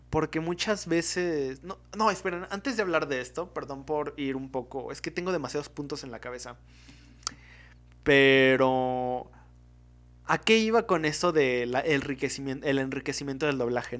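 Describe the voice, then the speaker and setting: Mexican man hosting a solo podcast, voice a touch higher than usual, chatty, loses his thread and backtracks. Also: normal speed, fairly bright tone. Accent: Mexican Spanish. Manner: rambling, stops to correct himself and backtrack. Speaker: podcast host. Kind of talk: casual solo podcast commentary.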